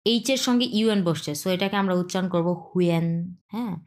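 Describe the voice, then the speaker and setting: A woman teaching a pronunciation lesson, repeating sounds slowly and checking in with her students. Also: mid-range voice. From Bangladesh. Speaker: language teacher.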